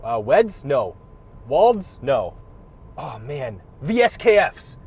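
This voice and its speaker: Animated teasing male car reviewer. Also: medium pitch, takes it slowly, husky. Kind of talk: casual banter.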